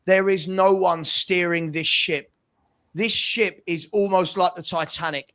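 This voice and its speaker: A man's voice: high-pitched, fairly bright tone. A man giving a passionate, exasperated opinion rant as a football fan pundit, hammering points home with emphatic repetition. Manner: emphatic, repetitive rhetorical delivery.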